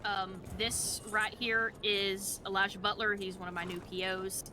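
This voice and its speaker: A woman in an online roleplay plays a lawman who takes charge and hands out orders briskly. Her voice sits at an average pitch, and loud game noise runs behind her. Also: little pitch movement. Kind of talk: in-character roleplay chat.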